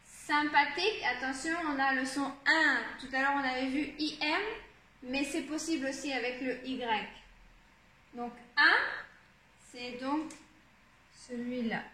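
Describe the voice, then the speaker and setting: A woman's voice: high voice, fairly even intonation, normal speed, a bit bright, reverberant, low-quality recording. A woman from France teaching a beginner language lesson, speaking carefully and repeating words to model their pronunciation. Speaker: French teacher.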